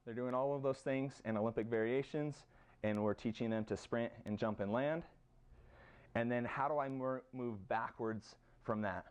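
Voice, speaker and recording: Man, American accent, coach at a conference talk, smooth clear voice, casual, filler words, mid pitch. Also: moderate pace. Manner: casual, fillers, lists exercises. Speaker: high school strength coach presenting. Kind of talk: conference presentation. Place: conference room.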